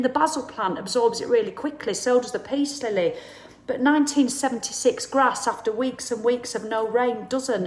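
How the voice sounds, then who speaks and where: In an echoey room, a woman in her 50s with a slightly high, darkish voice talks casually to viewers as host. She's blunt and chatty, swears, and plays out the people she quotes.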